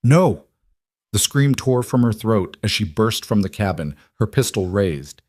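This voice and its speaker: A man reading a scripted frontier story in a steady, measured way. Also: on the low side, dry recording, clean studio sound. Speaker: narrator.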